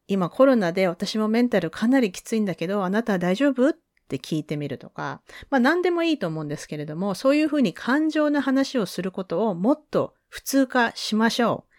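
A woman's voice: medium pitch, no room sound, clean studio sound. Chatty Japanese-born woman podcast host. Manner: chatty, explanatory, shifts into quoted speech. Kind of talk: solo podcast talk. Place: lives in English-speaking country.

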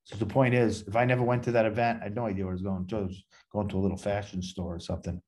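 A man with a low, dark, mellow voice tells a long rambling story in a casual interview. He jumps between scenes and acts out what everyone said. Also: flat delivery, rapid-fire. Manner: rambling anecdotes, acts out quoted dialogue. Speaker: podcast guest.

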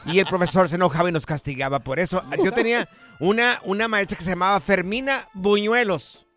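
High bright-voiced radio host. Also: male voice, brisk, soft background music. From Mexico. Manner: storytelling, acts out quoted voices. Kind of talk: casual radio banter.

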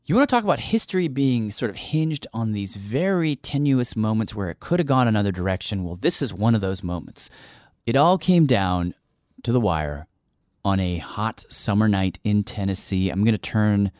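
A man's voice: on the low side, animated, normal speed, a little mellow, no echo, clean studio sound. A man hosting a radio show, talking thoughtfully with some hesitation as he introduces a story. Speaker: podcast host.

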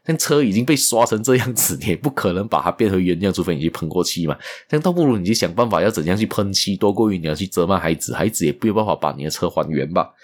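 A man telling a moral story in a casual, unhurried way, often repeating words and trailing off with particles. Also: deep voice, lively intonation.

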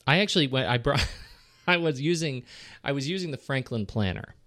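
A man's voice: mid-range voice, animated, fairly quick, fairly bright tone, no room sound, clean studio sound. A middle-aged man co-hosting a podcast, chatting about a film in a rambling, self-interrupting way. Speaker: podcast co-host. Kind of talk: casual film discussion.

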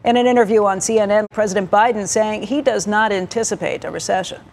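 Gravelly-voiced woman anchoring the news. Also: mid-range voice, fast. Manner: crisp, steady presenting. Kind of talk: live TV news presenting.

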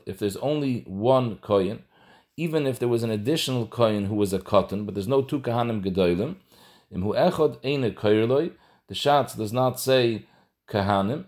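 A man's voice: medium pitch, a little mellow. A man giving a halacha lesson, explaining steadily and mixing Hebrew and Yiddish terms into his English. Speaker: Torah teacher.

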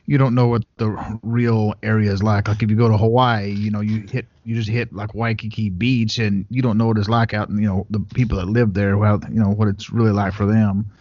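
A podcast host chats in an easygoing, relaxed way. His voice sits a little low. The sound is close and dry, with no room echo. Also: fairly quick, few pauses, muffled recording. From United States. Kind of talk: casual interview chat. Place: Dallas, Texas.

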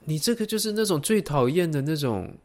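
A young man co-hosting a casual chat show, talking quickly and chatting, with many short agreeing sounds. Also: on the high side, animated, a little mellow. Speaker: podcast co-host.

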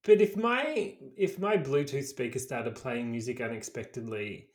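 A woman's voice: a bass voice, moderate pace, a little mellow. A woman co-hosting a casual podcast, giving dry, offhand reactions. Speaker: podcast co-host. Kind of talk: casual chat.

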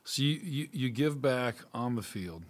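A man hosting a casual interview, halting and repeating words as he forms his questions, with an affirming manner. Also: medium pitch, animated. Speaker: interview host.

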